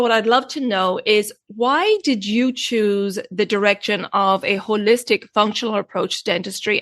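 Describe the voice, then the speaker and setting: A woman hosting a podcast, reading a measured introduction and then asking her guest questions. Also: on the high side, fairly bright tone, no room sound, studio quality. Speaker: podcast host. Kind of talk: scripted podcast intro and interview.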